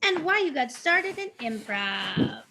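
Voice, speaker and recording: A woman with a high, bright, ringing voice hosts an online improv show over a video call. She is upbeat and cheerful, and she often repeats her praise. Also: sing-song, takes it slowly, a little hiss or hum. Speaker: host.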